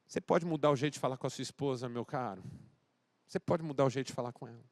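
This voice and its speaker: A male pastor from Brazil preaching a sermon, swinging between loud exhortation and quiet, intimate address, acting out dialogue as he tells a story. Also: medium pitch, rapid-fire.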